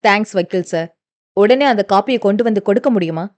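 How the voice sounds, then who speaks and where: A woman voicing a young man who comforts a friend and handles a phone call in a quick, brisk way. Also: medium pitch, a little mellow, voice pushed down, natural voice. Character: brisk young man Aarav, brotherly and businesslike.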